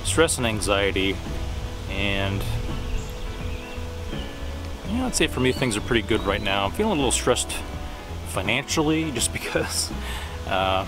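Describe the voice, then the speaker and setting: A man in his forties rambling casually to a camera at arm's length outdoors in the woods, haltingly thinking aloud and trailing off. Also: lowish voice. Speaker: pipe-smoking vlogger. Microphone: camera at about arm's length.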